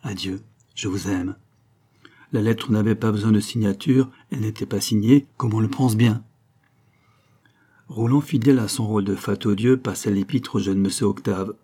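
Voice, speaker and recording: A man reading a novel aloud as audiobook narrator, measured and even. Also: fairly low pitch.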